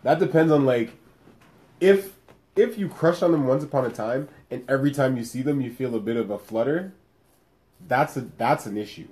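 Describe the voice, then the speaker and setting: A young adult man co-hosting a podcast, telling a story in casual chat with lively, laughing energy. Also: medium pitch, normal speed. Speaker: podcast co-host.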